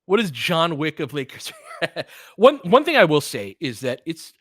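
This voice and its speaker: A man who hosts a sports podcast and streams sports play-by-play chats unscripted with his listeners, rambling earnestly and swearing freely. His fairly high voice has a sing-song lilt, a measured pace and a bit of brightness. The sound is clean and studio-grade, with no room sound.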